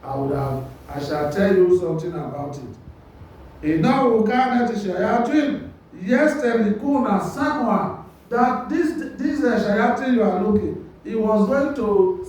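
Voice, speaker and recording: Male teacher, fairly high voice, explains line by line, quizzes the room with "what?", heard from a distance. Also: mellow. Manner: reads a passage, then explains it line by line; quizzes listeners with rhetorical "what?" questions. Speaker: Quran commentary teacher. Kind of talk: religious lesson. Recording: very echoey hall, mic far off.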